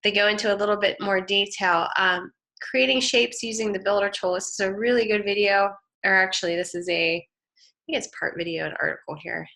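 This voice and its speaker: A design instructor with a head cold gives a live online lecture with a screen demo, her medium-pitched voice nasal and sniffly. She talks a little fast with fairly even intonation, and her tone is creaky, bright and forceful. She chats casually, full of fillers, restarts and self-corrections, on a rough recording.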